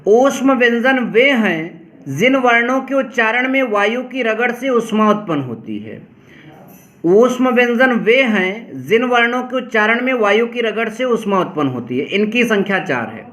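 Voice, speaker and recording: Male teacher, high voice, bright sharp tone, repeats definitions slowly, calls on students to pay attention. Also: expressive. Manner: repeats each definition slowly, spells out examples; addresses students directly, often says "pay attention". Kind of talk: classroom lesson explaining grammar.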